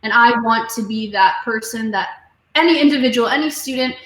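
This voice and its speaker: A woman's voice: fairly high pitch, a little fast, a bit bright. A woman in her twenties, a music teacher who runs her own studio, talking earnestly and motivationally in a casual video interview, with frequent fillers. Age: 20s. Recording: roomy echo.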